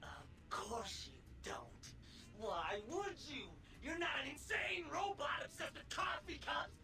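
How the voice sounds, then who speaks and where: A woman voicing a tiny, neurotic robot obsessed with coffee cups, swinging between whispers and shouts. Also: sits high, sing-song, slow pace, full character voice. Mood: manic lonely. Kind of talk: video game voice acting. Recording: game audio from far off with loud music.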